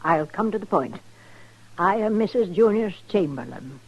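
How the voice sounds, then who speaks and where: An older, imperious society matron speaks in formal, genteel phrases, haughty and insistent, in a husky mid-range voice that swoops up and down condescendingly at a moderate pace. The lo-fi sound resembles vintage radio drama.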